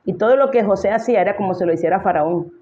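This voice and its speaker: A woman's voice: mid-range voice, rapid-fire, mellow, highs cut off. A woman pastor preaching a sermon emphatically, speaking directly to her listeners and asking them rhetorical questions.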